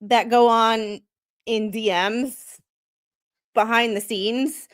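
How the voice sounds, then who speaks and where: Blunt female guest, plain-spoken livestream chatter, high voice, laughs often. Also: steady tone, extremely slow. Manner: blunt, laughs between remarks. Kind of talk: casual livestream chat.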